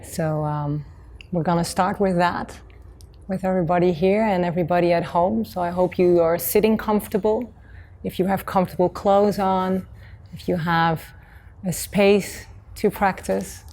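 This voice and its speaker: Mellow-voiced woman yoga teacher. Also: lowish voice, normal speed. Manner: calm, gentle instruction. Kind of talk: guiding a class.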